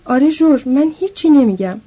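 A woman voicing a slow, childlike big man who pleads plaintively, in a dull lo-fi recording. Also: sits high, animated, warm tone. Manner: plaintive, simple.

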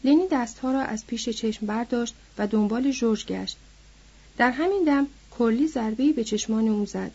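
A woman reading a novel aloud in a steady storytelling manner, on a dull lo-fi recording. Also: a little high, breathy edge. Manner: steady storytelling, lifting her voice for quoted characters.

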